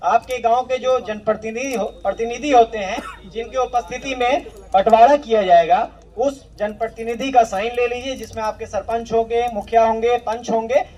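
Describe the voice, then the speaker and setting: A man's voice: very high-pitched, fairly even intonation, normal speed, a little mellow, recorded from a distance. A man, a land revenue official, explaining survey rules to villagers in a plain instructive way, repeating key points.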